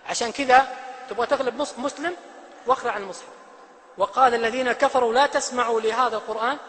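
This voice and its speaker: High, bright, fast-talking preacher man. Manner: animated, swings from loud emphatic to hushed. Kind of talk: sermon. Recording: long hall reverb.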